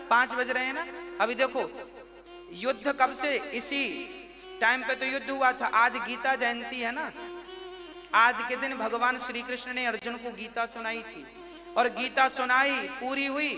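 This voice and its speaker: A man telling a devotional story as a sermon to his audience, lively and acting out the dialogue. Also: very high voice. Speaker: spiritual storyteller. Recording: live sermon with violin music behind.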